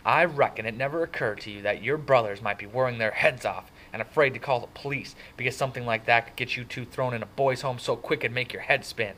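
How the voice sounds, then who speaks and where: A man reading a storybook, voicing a furious young man scolding his younger brother in loud, exasperated hollers. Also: mid-range voice, fast talker, few pauses, a little hiss or hum, voice pushed up, close to an everyday voice, rough recording. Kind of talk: dramatic audiobook character reading.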